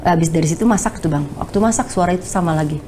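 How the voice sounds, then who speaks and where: A woman, telling her testimony as a guest in an animated, casual way, often turning to her listener. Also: fairly low pitch, racing, a little hiss or hum. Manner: animated storyteller, acts out cries and keeps addressing the listener.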